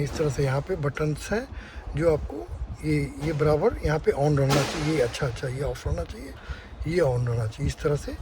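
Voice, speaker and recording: Man running a noisy car walkaround. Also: fairly high pitch. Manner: lists features, checks in with tag questions. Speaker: car reviewer. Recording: noisy on-location recording.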